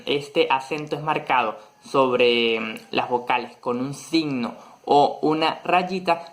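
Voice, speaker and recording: A presenter giving a virtual lesson on spelling rules in a measured, methodical way, pausing now and then on short fillers. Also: mid-range voice, a bit bright. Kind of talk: explanatory lecture, partly read.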